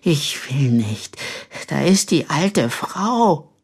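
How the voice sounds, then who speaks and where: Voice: mid-range voice, very animated, extremely slow, breathy edge, exaggerated voice. A reader voicing a grown man with the mind of a three-year-old, stubborn and cheerful, talking in a childish singsong. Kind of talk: audiobook reading.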